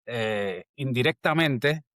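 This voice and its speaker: Man, measured guest. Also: medium pitch, expressive, fairly bright tone, no echo, clean studio sound. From Puerto Rico. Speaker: guest, army colonel and entrepreneur. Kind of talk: casual interview.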